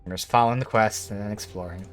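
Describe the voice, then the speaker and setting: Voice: medium pitch, fairly even intonation, fast, soft background music. A game streamer giving casual gameplay commentary, thinking aloud.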